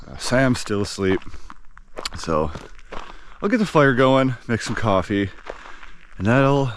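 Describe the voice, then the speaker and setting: A man hosting a camping vlog outdoors, talking casually to camera in a playful, rambling way and often repeating his phrases. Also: on the low side. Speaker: outdoor camping vlogger and host. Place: outdoors at a forest campsite. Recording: clear outdoor background noise.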